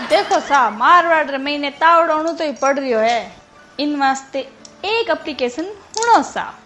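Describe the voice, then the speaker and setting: A woman comedian with a Marwari accent telling jokes in a lively, chuckling way. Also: high voice, unhurried, faint music behind. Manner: lively, chuckling between punchlines. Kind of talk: comic joke-telling show.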